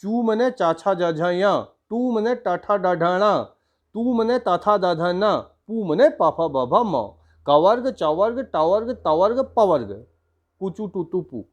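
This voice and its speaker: Slightly high-voiced male grammar teacher. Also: lively intonation, takes it slowly, highs cut off. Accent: Uttarakhand Hindi. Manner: explains step by step, drawing out sounds and chanting examples. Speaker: school teacher. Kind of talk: grammar lesson for school students.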